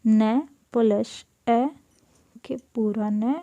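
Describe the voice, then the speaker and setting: A woman teacher going through a school lesson, saying each word slowly and giving its meaning. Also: a little high, steady tone, warm tone, dry recording, dull audio. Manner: slow, deliberate, repeats each word and gives its meaning. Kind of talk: classroom lesson explaining Sanskrit words in Hindi.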